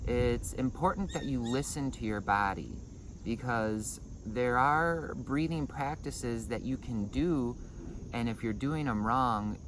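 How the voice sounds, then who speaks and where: With background noise audible, a man of mid-range voice teaches breathing and meditation informally. He's a Qigong and breathing meditation instructor whose explanations come out hesitantly, with words repeated.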